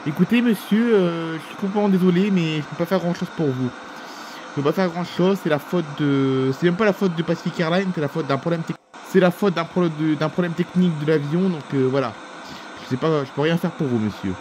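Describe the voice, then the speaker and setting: A man's voice: a little high, fairly quick, background noise, lightly acted. A man voicing a flustered flight attendant. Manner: hesitant, stumbling apologies.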